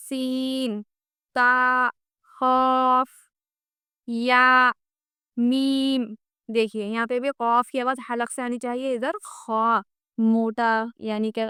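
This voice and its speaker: A woman's voice: on the high side, fairly bright tone, clear, resonant tone, no echo, clean studio sound. A woman teaching a recorded Quran reading lesson. She patiently repeats letters one by one and stresses how throat sounds should be made. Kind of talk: recorded lesson, reciting letters and explaining pronunciation.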